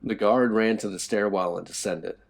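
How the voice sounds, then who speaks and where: A man narrating a horror story in a low, tense storytelling manner. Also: fairly even intonation, normal speed, vocal fry.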